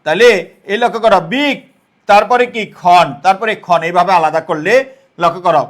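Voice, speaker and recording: A man with a notably high voice teaches an online exam-prep lesson. He sounds out each word syllable by syllable, asks the same question more than once and keeps checking whether his students have understood. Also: brisk, fairly bright tone. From Bangladesh. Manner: explains step by step, repeats questions and checks understanding.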